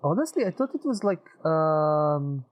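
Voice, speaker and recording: A man's voice: a little high, very animated, unhurried, dry recording, lo-fi sound. A man streaming a video game in casual chat, swearing often and laughing readily. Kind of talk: casual let's-play chat.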